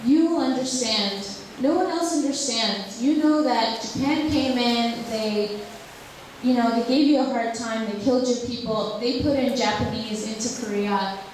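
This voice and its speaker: Her voice sits a little high with a darkish tone, and there's slight background noise. She's a drawing teacher from Ukraine fielding audience questions at a public talk, hesitating often with fillers and restarts. The hall echoes, and she's far from the mic.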